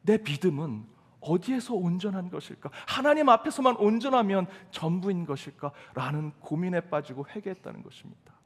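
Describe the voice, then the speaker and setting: Preaching a sermon, this pastor sounds expressive and fairly quick, pushing his points emphatically and through questions. His voice is pitched high for a man, and every phrase fades into the long reverb of the sanctuary.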